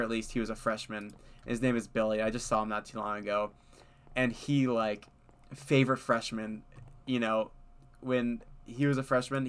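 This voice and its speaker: A man's voice: lowish voice, fairly bright tone, smooth. Young male streamer, clean ringing voice, casual rambling chat with laughs. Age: young adult. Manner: rambling, laughs often, many fillers. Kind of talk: casual chat while gaming.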